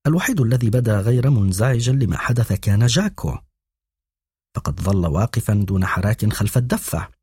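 Male audiobook narrator, very husky and dark, dry close sound, measured reading. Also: lowish voice, lively intonation, no room sound. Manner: measured storytelling. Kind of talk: scripted narration.

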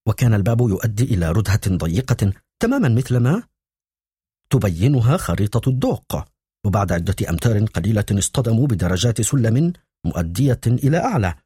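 Male audiobook narrator with a dark, husky tone. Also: fairly low pitch, animated, fairly quick, dry recording, clean studio sound. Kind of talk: scripted narration.

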